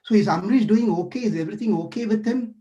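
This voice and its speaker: Speaking quickly, a man pushes his naturally mellow voice up high to portray a curious, playful and caring god. The deity eagerly questions a frightened sage in a devotional story. The audio comes across as dull.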